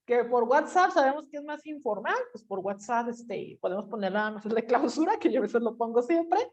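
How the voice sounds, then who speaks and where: A woman teaches a class in a chatty, teasing way, often stopping to quiz her students. Her voice sits a bit high. The audio is dull and muffled, like lo-fi sound. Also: lively intonation, fairly quick. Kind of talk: online class lecture.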